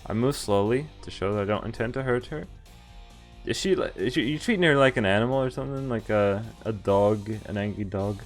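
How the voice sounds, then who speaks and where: A man's fairly low voice moves briskly as he reads visual novel text on a game stream. He adds casual jokes and amused asides while game music plays.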